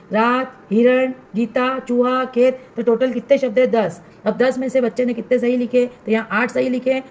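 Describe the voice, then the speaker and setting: A woman's voice: a little high, a little mellow, reverberant. A woman primary school teacher explaining step by step how to fill in a student assessment workbook for fellow teachers. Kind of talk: instructional walkthrough for teachers.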